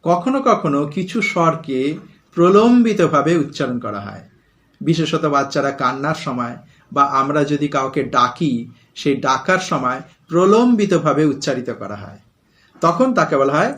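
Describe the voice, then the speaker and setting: A man's voice: on the high side, big pitch swings, normal speed, a bit bright. A middle-aged male teacher giving a classroom lesson, asking questions and repeating lists aloud for his students.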